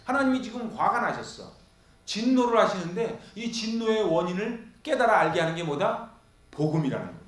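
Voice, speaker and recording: A man's voice: high voice, sing-song, a little fast, fairly bright tone. A male pastor preaching an expository sermon, firing questions at the congregation and answering them himself. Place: church sanctuary. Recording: echoey church hall.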